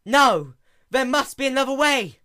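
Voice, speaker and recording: A man's voice: very high-pitched, very animated, measured pace, bright, forceful tone, smooth, voice pushed up, heavily acted. A man voicing a distraught, hysterical female pony princess of the night with frantic, wailing delivery.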